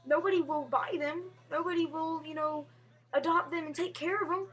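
A young woman talks into her webcam at home with a high, bright-pitched voice. Her delivery is rambling and earnest, full of fillers and false starts. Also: fairly even intonation, moderate pace. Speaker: vlogger. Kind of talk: casual webcam monologue. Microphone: webcam mic.

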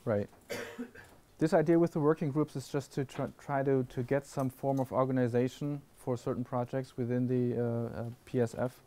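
A male panel speaker fields audience questions in a lecture hall classroom, pausing to restart his sentences and filling gaps with fillers as he thinks. He has a medium-pitched, steady, mellow voice at a normal speed.

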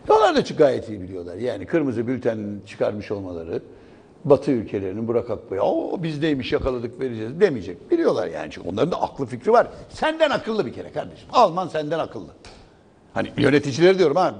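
A man's voice: mid-range voice, creaky, slightly rough. A man giving sarcastic morning news commentary in a TV studio. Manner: sarcastic, mocking.

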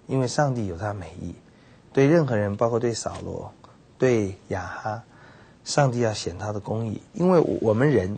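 A man pastor with a Taiwanese Mandarin accent giving a Bible teaching lecture, telling the story with animated quoted voices. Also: slightly rough. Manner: animated storytelling, acts out quoted characters with sudden pitch jumps. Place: television studio.

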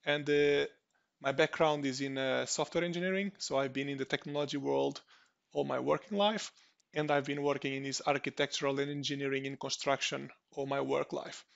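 Portuguese-accented man with a gravelly voice. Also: mid-range voice, steady tone, fairly quick, fairly bright tone, highs cut off. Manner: hesitant, many restarts and fillers. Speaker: conference speaker. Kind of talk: online conference presentation.

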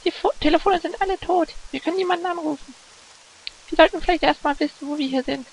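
A man voicing a calm, practical young woman in a high falsetto, reading game dialogue aloud. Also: quick pace, creaky, low-quality recording.

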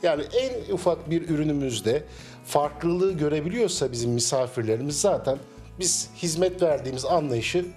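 A middle-aged man, a cafe owner, answering interview questions at a measured pace with frequent hesitation fillers, recorded on a handheld mic in a small cafe. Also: a little high, animated, a little mellow, faint music behind. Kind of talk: business interview.

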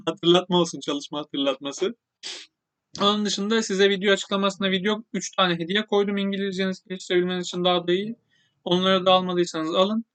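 A man teaching English in a casual online lesson, speaking Turkish and slowly repeating English phrases. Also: high-pitched, fairly bright tone, clean tone.

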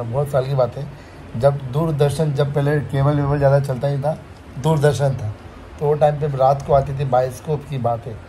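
A man's voice: medium pitch, warm tone, a little hiss or hum. A man chatting to his viewers in a casual family vlog while riding a motorbike. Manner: chatty, keeps addressing viewers. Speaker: family vlogger host. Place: riding a motorbike outdoors in traffic, later at home. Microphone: phone camera held close to the face.

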